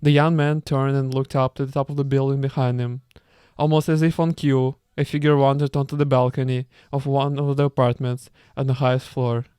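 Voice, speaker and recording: Man reading a book aloud with commentary, smooth resonant voice, occasional stumbles, amused asides. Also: medium pitch, flat delivery, fairly quick, few pauses, a little mellow, dry recording, studio quality. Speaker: reader.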